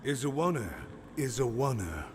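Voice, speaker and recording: A man voicing an eerily genial, insistent father in a video game, coaxing and slow. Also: mid-range voice, sing-song, lightly acted. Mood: eerily welcoming. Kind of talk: scripted video game acting. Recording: long reverb, background noise.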